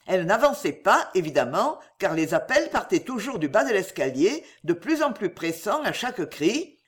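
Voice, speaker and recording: A woman narrating a novel as an audiobook, reading expressively. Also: mid-range voice. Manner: expressive reading, acts out each character.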